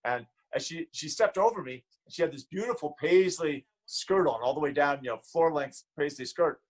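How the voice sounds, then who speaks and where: A man in a casual interview, telling a lively personal anecdote. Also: fairly high pitch, moderate pace, rough recording. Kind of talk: casual chat.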